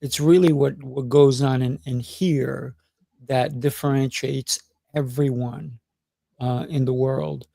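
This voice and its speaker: Hosting a podcast interview, a middle-aged man speaks slowly in a gravelly, mid-range voice with a steady tone. He's chatty, warm and encouraging, full of affirming interjections, and there's no room sound.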